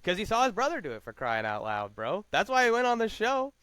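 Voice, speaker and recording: A man's voice: high voice, wildly swooping pitch, pushed and bright, smooth, no room sound. A man co-hosting a podcast, chatting casually and slangily as he recaps a reality show. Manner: laid-back, slangy, talks fast with lots of fillers. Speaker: podcast co-host.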